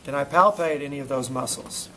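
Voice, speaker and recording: A man coaches a class through a hands-on demonstration in a bright, forceful, mid-range voice, speaking fairly quickly. He uses short repeated commands, checks students with questions between steps, and the recording picks up classroom noise.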